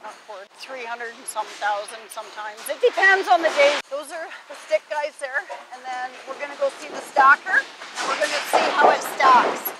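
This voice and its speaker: A woman's voice: sits high, very animated, normal speed, crowd noise, poor audio. A woman who works at a sawmill, casually explaining the machines while walking a tour. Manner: casual, explanatory, uses "right?" often. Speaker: mill employee giving a tour. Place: loud sawmill floor and yard, indoors and outdoors. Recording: loud machinery noise behind.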